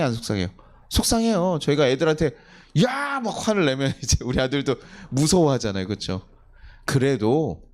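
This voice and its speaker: A man's voice: on the high side, darkish tone. A middle-aged male pastor preaching a sermon in a church. He keeps putting questions to the congregation and then answers them himself. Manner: acts out quoted family scolding in a livelier voice. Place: church sanctuary.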